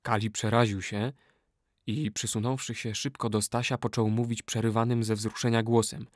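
A man reading a classic novel aloud as an audiobook narrator, in a measured, steady storytelling manner. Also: medium pitch, no room sound, clean studio sound. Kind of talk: scripted narration.

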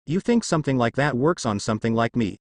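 A gloating male demon with a lively, swinging voice that taunts and mocks, as a male narrator plays him. His lines sound close and dry. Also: medium pitch, quick pace, no echo. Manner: taunting, mocking.

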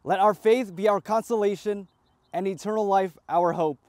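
A man, a priest, reciting the prayers of a graveside funeral rite in a measured liturgical cadence. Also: high voice, steady tone, darkish tone, dry recording.

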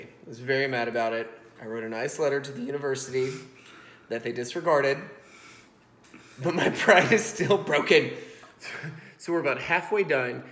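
This man's medium voice has a bit of brightness as he hosts his casual cooking vlog, explaining as he cooks and teasing himself along the way. He's in his thirties, filming in his home kitchen with an iPhone stacked on books, and the room sounds echoing and roomy.

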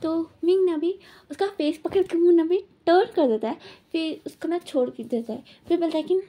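A woman's voice: extremely high pitch, normal speed, warm tone. A woman retelling a story in casual chat, chatty and full of filler words.

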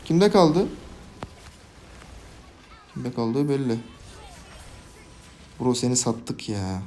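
A young man giving casual, jokey live commentary on his own game, swinging from quiet planning to loud, laughing outbursts. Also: mid-range voice, very slow, slight background noise. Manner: excitable, jokey, shouts and laughs at big plays. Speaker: gaming YouTuber.

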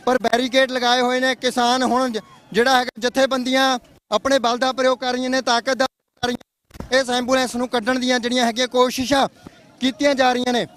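A man reporting live from a roadside barricade, speaking urgently and with passion. His voice sits very high for a man, and he presses his appeal to the authorities with insistence. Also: level tone, brisk, fairly bright tone. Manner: urgent, impassioned, appealing to officials. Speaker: field reporter. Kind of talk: live on-the-spot news report. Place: outdoors at a road barricade.

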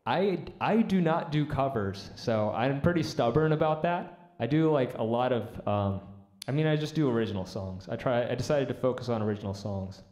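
A man live-streams his music from a room set up for live playing, with instruments around him and an echoey sound. He chats casually with viewers and answers their comments in an easygoing, rambling way, his medium-pitched voice darkish in tone and his pace moderate.

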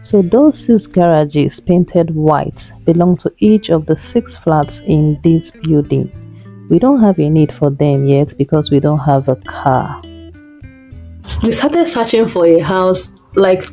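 Chatty woman from Nigeria, mellow voice. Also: lowish voice, low-quality recording. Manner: chatty, conversational storytelling. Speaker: vlogger. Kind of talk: casual vlog narration.

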